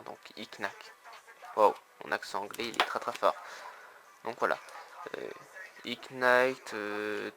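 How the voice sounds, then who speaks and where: Brief: man, casual card-collector vlog, bright forward tone, halting delivery with a habit of repeating one filler phrase. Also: medium pitch, slight background noise. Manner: keeps repeating "donc voilà", a tic he admits to. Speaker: trading card collector showing his trade binder. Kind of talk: casual video chat.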